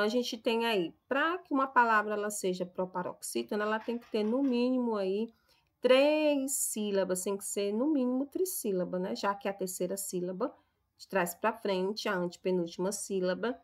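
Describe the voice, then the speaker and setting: Young adult woman from Brazil, schoolteacher, patient explainer who checks in often. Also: mid-range voice. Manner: explains slowly, stresses example words, checks in with "tá?". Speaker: teacher. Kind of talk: recorded classroom lesson.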